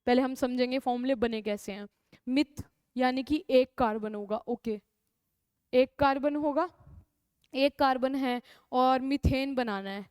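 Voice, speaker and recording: Young female tutor, North Indian accent, coaxing, repeats terms, smooth resonant voice. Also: high-pitched, a little slow, darkish tone, no echo. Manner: repeats key terms, asks and answers own questions; calls students "beta", coaxing. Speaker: chemistry teacher. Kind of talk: classroom lecture.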